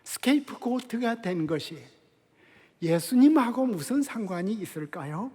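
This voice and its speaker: Older pastor preaching real slow w dramatic pauses, goes hushed sometimes, big echoey sanctuary. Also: male voice, sits high, animated, husky. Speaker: guest pastor. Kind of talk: sermon. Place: large church sanctuary. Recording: long church hall reverb.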